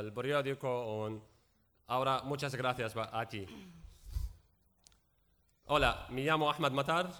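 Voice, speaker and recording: Speaking at medium pitch with a clean, fairly bright tone, a Syrian man from around Raqqa offers public testimony as a guest. Arabic is his native language and his accent is Syrian; his Spanish comes out broken and halting, with frequent repetitions and pauses while he hunts for words.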